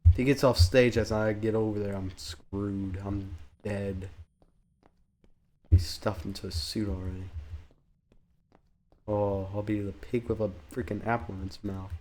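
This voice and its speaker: A young gaming YouTuber with a cold sounds congested as he plays a horror game for his let's play commentary, his low voice fairly even and unhurried. He rambles nervously with long pauses and breaks into panicky outbursts, with slight background noise behind him.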